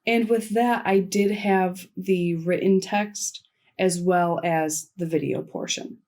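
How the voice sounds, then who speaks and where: A sign language interpreter voices a signed conference keynote into spoken English in a slightly low female voice. She interprets simultaneously, measured and steady, in short phrases with pauses as she follows the signer.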